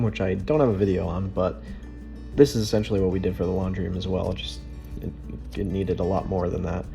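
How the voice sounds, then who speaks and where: A man giving relaxed, offhand voice-over narration for his home project vlog, with a light joking tone. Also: lowish voice, creaky.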